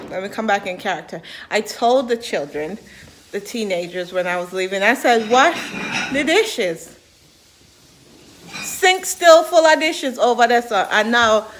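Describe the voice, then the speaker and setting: Background noise runs under this casual, chatty vlog, where a Jamaican-accented mom with a voice on the high side teases her viewers. She's sassy and animated as she tells her stories.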